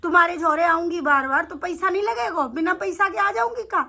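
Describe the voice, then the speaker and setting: Woman doing a grumpy temple servant lady, blunt and scolding, bright high voice. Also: a little fast, creaky, full character voice. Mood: annoyed. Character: irritated female temple servant, blunt and demanding.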